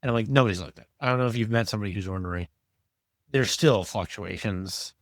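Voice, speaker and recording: A man's voice: lowish voice, fast talker, dry recording, clean studio sound. A man co-hosting a podcast, giving blunt, opinionated takes in casual chat. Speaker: podcast co-host.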